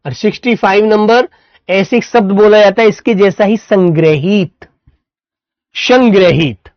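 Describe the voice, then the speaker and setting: A male Hindi teacher giving an online class, slowly dictating words and calling his students "beta" and "my dear children.". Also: high-pitched, no echo, lo-fi sound.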